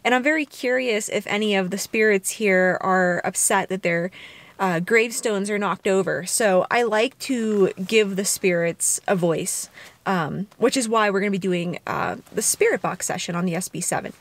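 A woman's voice: mid-range voice, moderate pace. A young adult woman hosting a paranormal vlog, talking to her viewers. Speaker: vlog host, paranormal investigator. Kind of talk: vlog talk to viewers, soft-spoken narration. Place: inside a parked car.

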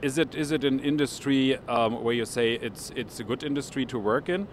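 A man's voice: mid-range voice, moderate pace, slight background noise. A man in his forties with a German accent, doing a street interview as a finance correspondent, hesitant with many ums in English. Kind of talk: street interview, report to camera. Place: outdoors on a city street. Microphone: handheld microphone.

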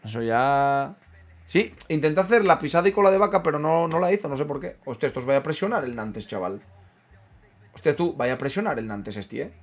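A man's voice: on the high side, animated, fairly quick. Streamer man chatting over a football game. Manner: banters, mutters, reads chat aloud. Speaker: gaming streamer. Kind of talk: casual gameplay commentary.

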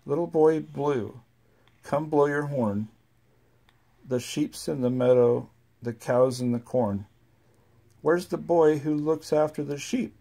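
Using a gravelly, mid-range voice, a parent reads nursery rhymes to a small child at home and chats with them, sing-song and relaxed. The pace is slow, with long pauses.

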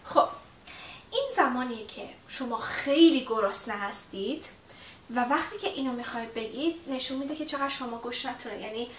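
Woman teacher, casual lesson, chatty with fillers, echoey room, slight hiss. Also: a little high. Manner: chatty, with many fillers, repeats example phrases slowly. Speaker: English teacher. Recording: roomy echo, distant mic, faint hiss.

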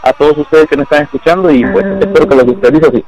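A man's voice: on the high side, quick pace, darkish tone, soft background music, poor audio. A male musician being interviewed, explaining things hesitantly with stammered restarts. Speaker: musician guest. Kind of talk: interview talk.

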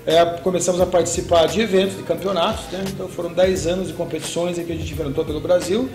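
A man's voice: fairly high pitch, fast talker, reverberant, over music. A middle-aged man from Brazil, the owner of a paragliding school, explaining steadily in an interview and tagging his sentences with "né". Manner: steady explaining with frequent "né" tag questions. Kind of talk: interview answers. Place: indoor shop room with shelves.

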